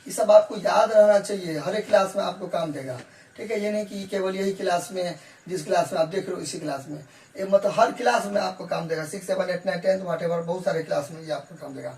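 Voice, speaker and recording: A man's voice: high voice, a little fast, a little mellow. A male math teacher giving a classroom geometry lesson. He explains by repeating himself, asks rhetorical questions and answers them, and mixes English math terms into his explanation. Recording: echoey room, voice from a distance.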